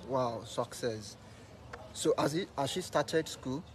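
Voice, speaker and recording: A man with a Nigerian accent asking polite, measured interview questions with fillers. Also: medium pitch, background noise.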